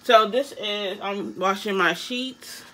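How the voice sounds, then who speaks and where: A woman chats casually through a product demonstration, her articulation slightly awkward because of new braces. Her mid-range voice is a bit bright and slow-paced. The audio is rough, with slight background noise.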